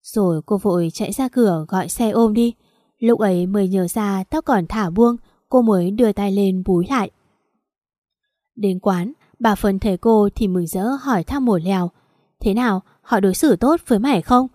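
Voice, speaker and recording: A woman narrates a story aloud, in the style of an audiobook reader. Her voice sits at an ordinary middle pitch and is recorded close and dry, with no room around it. She gives the characters' lines only small shifts of voice. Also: normal speed, warm tone, no room sound.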